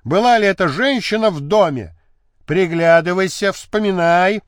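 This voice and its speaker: A man's voice: high-pitched, moderate pace, no echo, studio quality, natural voice. A man playing a brusque detective who gives curt commands, in an audiobook. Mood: commanding.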